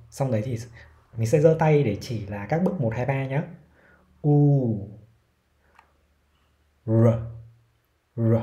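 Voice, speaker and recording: A man with a Vietnamese accent giving a casual pronunciation lesson, slowly demonstrating sounds and repeating example words. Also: medium pitch, mellow. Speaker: English pronunciation teacher.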